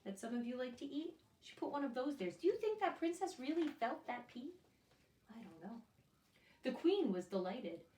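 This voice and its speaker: Reading a picture book to small kids, this woman swoops through the story with a very lively voice that sits high and moves at a normal speed. She pauses to quiz her young audience directly. Recorded at a distance in an echoing room, there's a little hiss or hum underneath.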